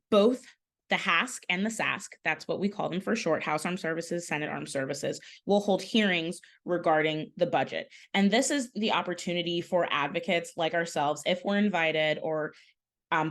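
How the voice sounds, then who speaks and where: Woman, slightly low voice, online training presenter, conversational, fillers and self-corrections. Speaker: advocacy trainer.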